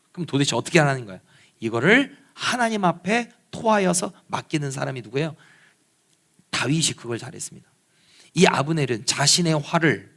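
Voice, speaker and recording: High-voiced Korean pastor preaching. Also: male voice. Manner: preaching with rhetorical questions, rising to loud fervent prayer. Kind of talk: sermon and fervent prayer. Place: church sanctuary.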